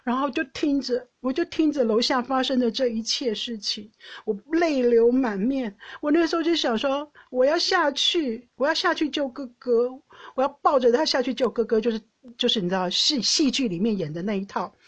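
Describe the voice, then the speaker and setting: Taiwanese lady, middle-aged, husky voice, higher pitched, emotional storytelling. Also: moderate pace. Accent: Taiwanese Mandarin. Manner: emotional, animated retelling. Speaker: podcast host. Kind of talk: casual personal storytelling.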